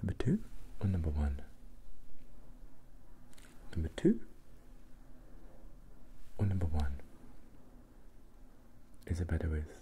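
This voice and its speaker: A man doing an ASMR role-play as an ASMR performer, repeating instructions and questions as he shifts between soft voice and soft low voice. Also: lively intonation, slow pace, long pauses, a little hiss or hum. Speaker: ASMR performer giving mock eye tests.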